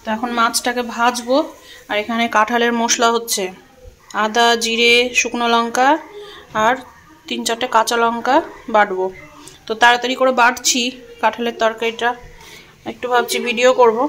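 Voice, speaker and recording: A woman's voice: on the high side, little pitch movement, moderate pace, long pauses, a bit bright. A woman, chatting casually in a home kitchen as she cooks. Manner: chatty, homely, talks while cooking. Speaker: vlogger. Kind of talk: casual cooking vlog chat.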